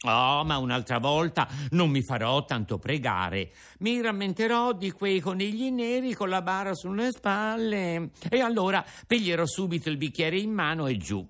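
A man voicing a stubborn, whiny wooden puppet boy in a storybook reading, with shrill, shouted protests. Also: very animated, moderate pace, few pauses. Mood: cheerful. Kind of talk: audiobook character reading.

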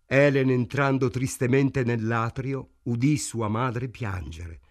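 A man reading a novel aloud in a measured, even way. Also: mid-range voice. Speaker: narrator. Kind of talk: audiobook narration.

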